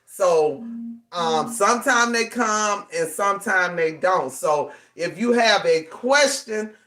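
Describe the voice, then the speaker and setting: A man's voice: sits high, lively intonation, takes it slowly, sharp tone. A man with a Southern US country accent and a rural drawl, hosting a casual live craft tutorial and repeating key instructions emphatically. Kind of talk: casual livestream craft demonstration.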